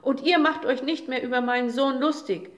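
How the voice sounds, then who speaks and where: A woman voicing a gruff but caring father day, talking brusquely and impatiently, in a roomy recording. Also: medium pitch, animated, unhurried, close to an everyday voice. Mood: sharp. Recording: roomy echo.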